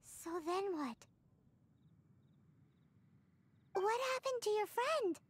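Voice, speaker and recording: A woman voicing a tiny, excitable, cheeky fairy companion girl in a video game, with a squeaky childlike voice and exclamatory delivery. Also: a little slow, no echo. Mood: eager. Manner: exclamatory, refers to self in third person. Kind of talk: cartoonish video game voice acting. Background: music.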